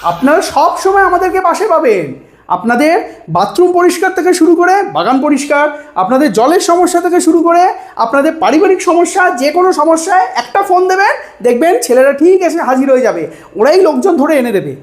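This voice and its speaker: A woman's voice: very high voice, big pitch swings, fairly quick. A woman playing a pompous, corrupt male politician, declaiming grand promises in a comedy election-rally sketch. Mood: boastful, persuasive. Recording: echoey, reverberant voice.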